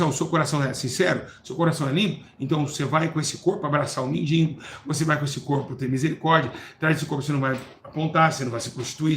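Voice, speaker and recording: A man delivers a fervent sermon in a fairly high voice, punching some phrases loudly and dropping others to a low murmur. He keeps questioning the people in front of him. The room rings with echo, with a faint hum of ambience behind. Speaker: preacher.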